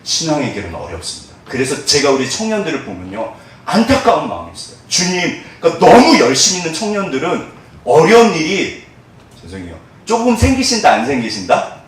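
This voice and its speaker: Male pastor preaching, higher voice, wildly swinging pitch, booming echoey hall, mic set back. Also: a little fast, distant mic. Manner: animated, acts out quoted voices of church members; drops to soft, hushed tones in prayerful moments. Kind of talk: sermon. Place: church sanctuary.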